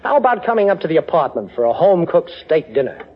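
An American actor playing a suave, teasing amateur detective in a 1940s radio drama. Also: male voice, a little high, big pitch swings, quick pace, husky. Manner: teasing, breezy. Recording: dull vintage radio drama recording.

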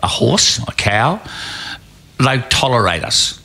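A man's voice: mid-range voice, big pitch swings, slow, gravelly, bright, forceful tone. A man, a dog trainer explaining his methods in a plain, down-to-earth way while working outdoors. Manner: down-to-earth, storytelling with acted-out quotes.

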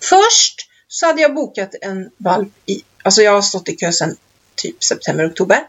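A woman's voice: medium pitch, very animated, breathy edge. A woman co-hosting a podcast in casual chat, rambling through stories and laughing often. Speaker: podcast co-host. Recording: dull lo-fi recording.

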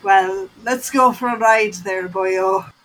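A woman's voice: mid-range voice, fairly even intonation, slow pace, fairly bright tone, slight background noise, pitched below the performer's own voice, low-quality recording. A woman voicing a brash, hard-drinking female adventurer in a tabletop game. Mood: eager. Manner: brash, eager.

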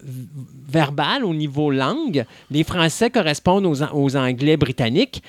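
A man with a Québécois accent, voice pitched a little high, holds forth in a casual podcast chat. He is opinionated, talks at length and often restarts his sentences. The sound is dry and close. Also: very animated, normal speed, no room sound. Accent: Québécois French. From Quebec.

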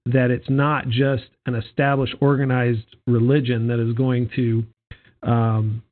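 A man's voice: mid-range voice, level tone, unhurried. A man co-hosting a casual chat podcast, rambling and joking, often restarting his sentences. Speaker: podcast co-host. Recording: tinny phone-like sound.

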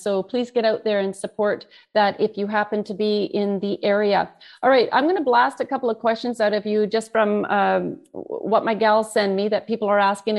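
A woman hosts a political talk show, urging her listeners on in an encouraging way. She pauses on fillers as she moves between points. Her voice sits slightly high. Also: a little mellow. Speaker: host.

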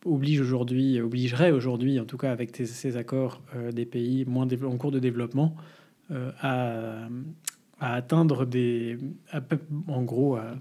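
Male podcast co-host with a warm, dark tone, running down the news items informally. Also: medium pitch, steady tone, normal speed. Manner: presents news items, with fillers and restarts. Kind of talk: casual news rundown.

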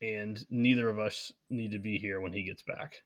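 A man's voice: fairly low pitch, steady tone, normal speed, dull audio, lightly acted. A man voicing a smug, taunting armored warrior spirit trapped inside someone's mind.

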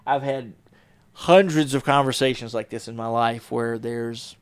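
A middle-aged man hosts a solo podcast, telling a personal story in a rambling, casual way, full of fillers, restarts and self-corrections, with a warm storytelling feel. His mid-range voice is clear and resonant, a little slow, with fairly even intonation. The recording is dry.

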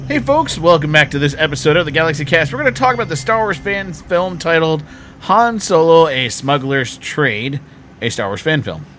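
Animated male podcast host. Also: on the high side, moderate pace. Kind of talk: podcast hosting and promo reads.

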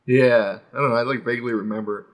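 A man's voice: mid-range voice, fairly even intonation, fast. A man co-hosting a casual podcast, easygoing and chuckling as he steers the chat. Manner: easygoing, chuckling, drifts between topics. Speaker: podcast co-host.

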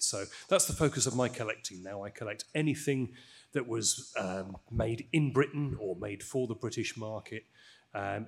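A man in his fifties, a guest on a live podcast, speaking in a warm, reminiscing and measured way. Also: fairly low pitch, vocal fry. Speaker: guest collector.

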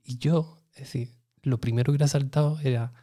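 Guy from telling his story, earnest and lively, mellow warm voice. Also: medium pitch, fast. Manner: earnest, lively, acts out dialogue. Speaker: interview guest. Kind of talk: animated personal storytelling.

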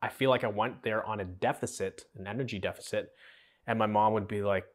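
A man's voice: fairly low pitch, steady tone, a little fast. A young man hosting a podcast, telling his own story in an earnest, conversational way and acting out the dialogue. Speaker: podcast host. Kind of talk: personal storytelling.

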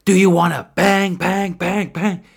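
A man's voice: on the high side, unhurried. A man voicing a smug young male prank vlogger who delivers cocky pickup lines. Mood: pushy.

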